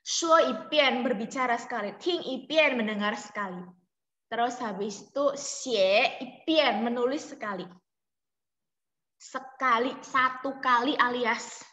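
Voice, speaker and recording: Woman teacher on a video call, high bright voice, patient, repeats examples, roomy echo. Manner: explains slowly, repeats examples, checks understanding. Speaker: Mandarin teacher. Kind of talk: online class lesson. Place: home room on a video call. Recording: echoey room with long reverb.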